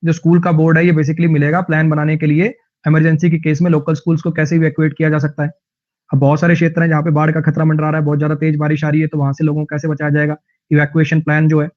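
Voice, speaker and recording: This online vocabulary class is led by a male teacher whose Hindi carries a Haryanvi flavor. His pitch sits on the high side and he races along, joking and telling lively anecdotes, while the recording sounds muffled.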